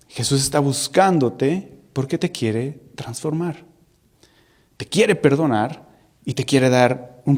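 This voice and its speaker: With a mid-range voice, a man preaches an animated sermon, posing rhetorical questions to his listeners. He also acts out the voices of the people in his story.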